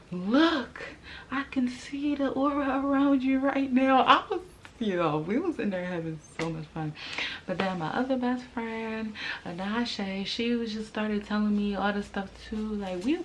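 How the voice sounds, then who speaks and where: A woman's voice: medium pitch, a little hiss or hum. A young American woman telling a personal story casually, in an informal, candid and emphatic way, repeating and drawing out words. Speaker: vlogger.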